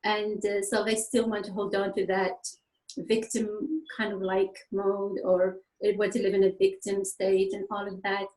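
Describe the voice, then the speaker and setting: A woman from Tunisia whose first languages are French and Arabic, a therapist explaining her work in lively conversation, laughing often and using many fillers. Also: mid-range voice, measured pace. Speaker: therapist guest. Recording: echoey room.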